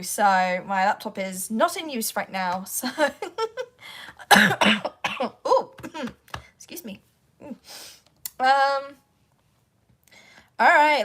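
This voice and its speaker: Her voice is high and a bit bright but croaky and hoarse with a sore throat as this voice actor runs a casual livestream Q&A. She rambles at an easy pace, addressing her audience and herself in turns as she struggles with her devices.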